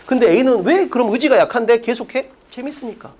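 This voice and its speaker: A man's voice: extremely high pitch, lively intonation, a little fast, darkish tone. A man teaching an English class, lecturing bluntly in casual speech and drilling students with rhetorical questions.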